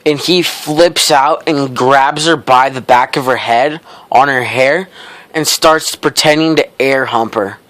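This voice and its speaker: Teen male vlogger, mid-pitched, smooth clear tone, dry sound, loose rambling delivery. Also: slow, fairly bright tone, no room sound. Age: teens. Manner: rambling, heavy use of "like"; laid-back, wry. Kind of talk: casual storytelling to camera.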